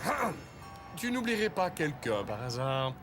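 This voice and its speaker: A man's voice: a little high, very animated, a little slow, loud music behind the voice. A man voicing a scheming, vain villainous pet fish in a cartoon, pompous, bossy and gloating with melodramatic flourishes. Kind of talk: animated cartoon acting.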